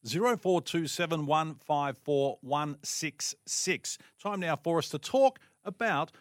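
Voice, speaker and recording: A man's voice: on the high side, unhurried, dry recording, clean studio sound. An Australian man presenting a sports radio show, reading out event details and sponsor mentions. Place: dry radio studio.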